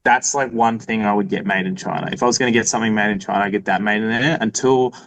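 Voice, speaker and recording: A man's voice: on the low side, fairly even intonation, fast talker, fairly bright tone, low-quality recording. A man with an Australian accent, talking casually as a podcast guest, rambling with lots of fillers and restarts. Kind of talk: casual conversation.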